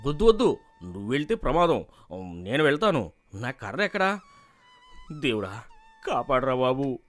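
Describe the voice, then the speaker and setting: An actor playing a cowardly, boastful middle-aged village man in an animated story, who blusters and then whimpers. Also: mid-range voice, a little fast, faint music behind. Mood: hushed fear.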